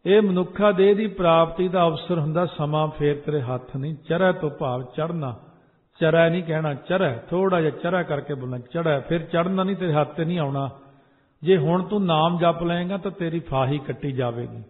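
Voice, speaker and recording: A man giving scripture exposition, slowly chanting verses and then explaining them in plain speech. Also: a little high. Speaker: Sikh preacher. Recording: echoey hall, tinny phone-like sound.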